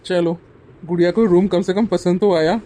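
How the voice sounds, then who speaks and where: A woman voicing an easygoing young man in a cartoon, lowering her voice for him and speaking briefly and offhandedly. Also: steady tone, moderate pace, dark tone, close to an everyday voice. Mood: relieved. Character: young adult man, brother of the house, easygoing.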